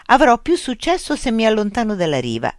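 A storyteller voicing a lively young boy who loves fishing, speaking with excited, bright calls in a lifted voice. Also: medium pitch, brisk, no room sound, studio quality, voice pushed up. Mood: cheerful. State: shouting for help from far off in water.

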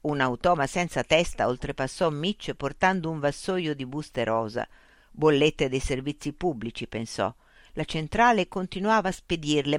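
Calm, dry audiobook narrator. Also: medium pitch, dry recording. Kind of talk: audiobook narration of a science fiction story.

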